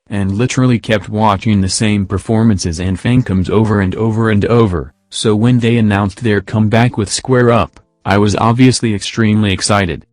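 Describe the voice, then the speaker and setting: A male text-to-speech robot voice reading scripted opinion commentary in a flat, even machine cadence. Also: on the low side, dry recording, studio quality. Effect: synthetic robot text-to-speech voice.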